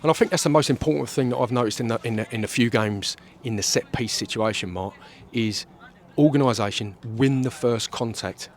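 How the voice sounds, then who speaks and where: A man's voice: medium pitch, fairly quick. A middle-aged man, casually commentating a local football match and bantering with his co-commentator outdoors. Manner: chatty, jokey banter with co-commentator.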